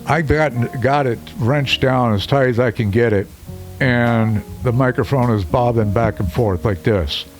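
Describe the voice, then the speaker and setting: Unhurried and chatty, a deep-voiced microphone reviewer gives a loose, filler-heavy casual review to camera of the studio mic he's testing, with faint music in the background.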